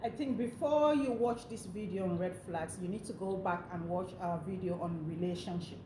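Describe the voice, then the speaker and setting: A woman's voice: lowish voice, normal speed. A woman co-hosting a casual chat, talking with frequent fillers. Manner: chatty, many fillers. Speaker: co-host. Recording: echoey room, faint noise.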